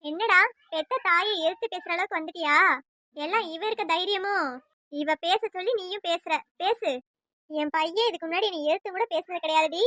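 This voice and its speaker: Woman voicing a real high bright nagging old mother-in-law, cartoon, dry close sound. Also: moderate pace, no echo. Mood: scolding. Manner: nagging, shrill, quarrelsome. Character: scolding sharp-tongued old mother-in-law. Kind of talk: cartoon voice acting.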